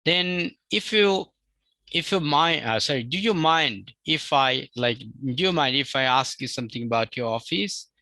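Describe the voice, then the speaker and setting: Guy teaching live, bright pushy voice, drills words over and over. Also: medium pitch, lively intonation, normal speed, no echo, poor audio. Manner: drills words by repeating and spelling them out. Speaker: English teacher. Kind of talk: live spoken-English class.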